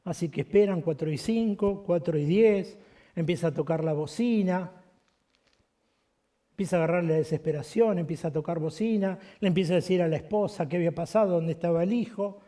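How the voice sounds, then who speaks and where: Pastor, man, story-led sermon, dark mellow voice. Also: high-pitched, a little fast.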